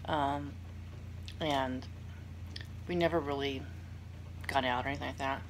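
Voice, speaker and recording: Low-voiced young woman chatting over a meal. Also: fairly even intonation, unhurried. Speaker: vlogger hosting a mukbang. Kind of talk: casual chat to viewers while eating. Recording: clear background room noise.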